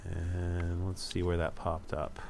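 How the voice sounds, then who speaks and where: A man with a deep, gravelly voice talks his way through a strategy game. He thinks aloud at a relaxed pace and drops dry, wry asides. A faint hiss sits under the recording. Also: slow pace. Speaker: let's play host. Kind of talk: casual gameplay commentary.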